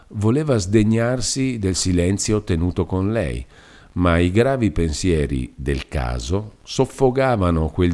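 Deep-voiced man narrating a classic novel. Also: a little mellow. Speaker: audiobook narrator. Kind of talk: literary audiobook narration.

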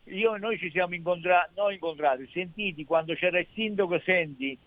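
A rambling male caller with a southern Italian accent who keeps restarting his sentences. His voice is fairly high and comes through a tinny phone line. The sound is dry, with no room around it. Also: a little fast, dry recording. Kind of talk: phone call-in chat.

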